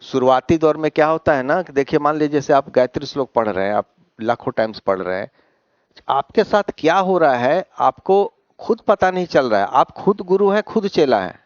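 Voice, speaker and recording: Lecturing in Hindi with English words mixed in, a male teacher keeps checking his students understand, answering his own questions and frequently saying "है ना?". He has a fairly high voice with lively intonation at a moderate pace, and the recording is dry, slightly dull, with no room sound.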